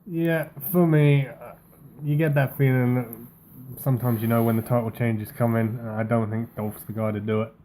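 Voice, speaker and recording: A man's voice: medium pitch, steady tone, moderate pace, warm tone, slight background noise. Sarcastic man hosting a wrestling podcast. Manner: dry and sarcastic. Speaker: podcast host. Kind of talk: casual chat.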